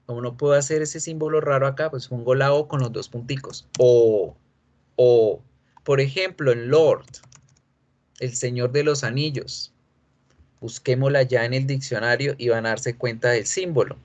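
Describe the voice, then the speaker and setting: A man's voice: mid-range voice, fairly even intonation, highs cut off. Male teacher running a pronunciation lesson, patient and repetitive. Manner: explains patiently, repeats model words slowly. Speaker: English teacher.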